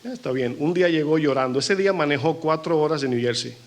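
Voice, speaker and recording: A man's voice: a little high, fast talker. A male pastor preaching a sermon to his congregation and acting out the people he quotes. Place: church.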